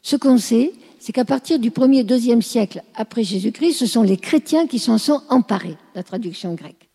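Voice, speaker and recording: A woman's voice: a little high, animated, moderate pace, warm tone, husky. Woman lecturing in a reverberant hall. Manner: explanatory, checks understanding often. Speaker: teacher. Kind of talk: classroom lecture.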